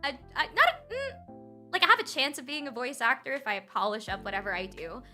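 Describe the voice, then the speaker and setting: A woman's voice: sits high, animated, fairly quick, bright, forceful tone, faint music behind. A woman streaming live and chatting with her viewers in a giggly, rambling way, laughing often and restarting her sentences, close to the mic. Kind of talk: casual livestream chat with viewers. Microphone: close desk mic.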